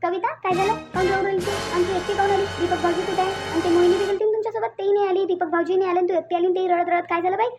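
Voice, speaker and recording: Cartoon sister-in-law: high, fast, coaxing voice, Varhadi accent. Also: female voice, flat delivery, over loud music. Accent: Vidarbha Marathi (Varhadi). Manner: coaxing, worried. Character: caring, anxious elder sister-in-law. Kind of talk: cartoon voice acting.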